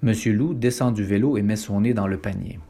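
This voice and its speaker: A man reading a children's storybook aloud and announcing each speaker in a low aside. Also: fairly quick, warm tone, slightly rough. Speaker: storybook reader.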